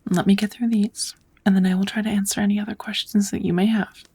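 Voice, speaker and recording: Here the kind, patient witch is voiced with a medium-pitched, slightly rough sound and a flat delivery. She teaches magic calmly in this soft, frequently whispered ASMR roleplay, staying gentle, measured and a little formal.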